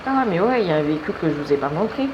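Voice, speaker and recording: A man's voice: fairly high pitch, racing, muffled recording, noisy background. A man giving casual, slangy running commentary on a game as he plays. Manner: relaxed, slangy, chatty. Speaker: gameplay commentator.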